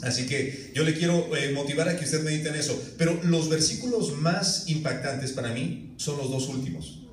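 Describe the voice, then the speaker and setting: Animated preacher in an echoey church. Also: male voice, fairly high pitch, moderate pace, a little hiss or hum. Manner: animated storytelling with acted-out voices. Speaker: pastor. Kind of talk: sermon. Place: church hall. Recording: echoey church room, mic at a distance.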